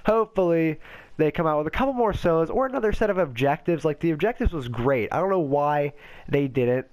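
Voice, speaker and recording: Congested-sounding guy, nasal and a bit high, smooth tone, chatty stat-reading gamer commentary. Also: expressive, brisk, a little mellow, poor audio. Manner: rambling, reads off player stats, self-correcting. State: stuffy nose from a cold. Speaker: game video host. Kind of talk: casual gaming commentary.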